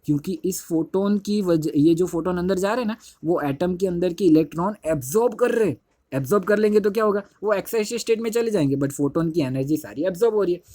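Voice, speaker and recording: A man's voice: high-pitched, fast talker, mellow, dry recording. A young man teaching a chemistry lesson in casual Hindi classroom style, repeating himself and correcting slips as he writes. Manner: repetitive, keeps saying "dekho", self-correcting. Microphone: phone held while writing on screen.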